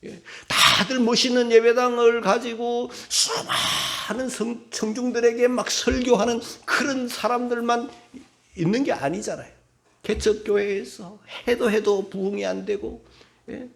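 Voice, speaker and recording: A middle-aged male pastor preaching a sermon in a church, his talk swinging between soft, low musing and loud, shouted bursts. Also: steady tone, a little slow, creaky. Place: church sanctuary.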